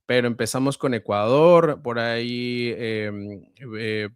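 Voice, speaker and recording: A man with a central Mexican accent, a voice-over artist and guest, explaining at a measured pace with frequent hesitations. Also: medium pitch, fairly even intonation, clean tone, no echo, clean studio sound. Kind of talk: conversational interview answers.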